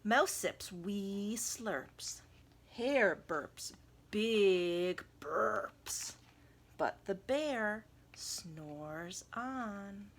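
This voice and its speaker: A woman reading a picture book aloud to children, expressively and dramatically, dropping into hushed tones and chatty asides. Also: mid-range voice, lively intonation, drawn-out words, slight background noise. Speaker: volunteer children's story reader.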